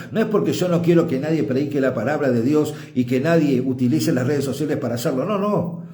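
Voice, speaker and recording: A middle-aged man with an Argentine Spanish accent delivers a sermon in a strong, emphatic way. His voice sits a little high for a man, with a mellow, dark tone. The room around him rings with a noticeable echo. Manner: forceful, emphatic preaching. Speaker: apostle and pastor.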